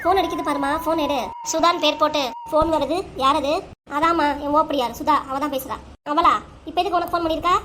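A woman's voice: high voice, fairly even intonation, fast, background noise. A woman voicing an emotional, argumentative family quarrel in a cartoon. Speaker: voice actor for all the figures. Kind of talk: cartoon voice acting.

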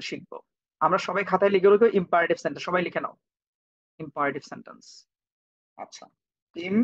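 A man teaching English grammar to children in an online class, patiently repeating, spelling words out and checking on students by name. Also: sits high. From Bangladesh. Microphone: cheap computer microphone. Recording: dull lo-fi online-class audio.

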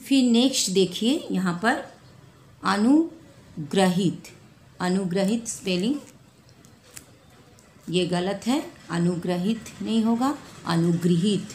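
A woman teaching a spelling lesson to children, repeating each word slowly and correcting mistakes one by one. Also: mid-range voice, darkish tone. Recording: echoey room with faint ambient noise.

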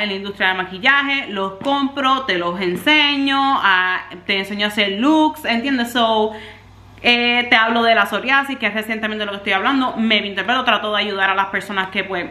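A woman's voice: medium pitch, moderate pace, bright, forceful tone, echoey room. A young woman with a Puerto Rican accent, talking frankly and ramblingly to camera in a casual vlog. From Puerto Rico. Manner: frank, rambling, emotional venting. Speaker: vlogger and content creator. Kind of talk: candid casual vlog talk.

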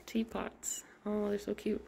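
A woman's voice: mid-range voice, completely flat delivery, unhurried, vocal fry, dark tone, in a whisper. A woman in her twenties vlogging casually while touring a historic house and garden, talking enthusiastically and saying "like" a lot. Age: 20s. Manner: chatty, enthusiastic, lots of "like". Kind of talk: casual chat. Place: historic house museum and garden, indoors and outdoors.

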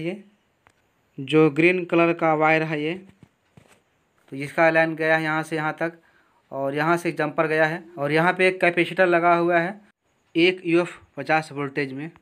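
A man teaching electronics repair, explaining each wiring step slowly and with a lot of repetition at his workbench. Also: fairly high pitch, a bit bright, clean tone. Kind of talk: hands-on repair tutorial.

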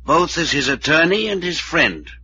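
An actor playing a stern, proper older attorney in a 1940s radio drama, heard through an old AM radio broadcast with a muffled sound. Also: male voice, a little high, very animated, normal speed, pushed and bright, full character voice. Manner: formal, reproving. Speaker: family attorney.

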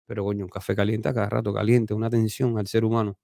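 A man with a Cuban accent hosting a casual commentary livestream, animated and talkative, swinging between loud exclamations and low mutters. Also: rapid-fire, creaky, no echo, clean studio sound. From Cuba. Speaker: host.

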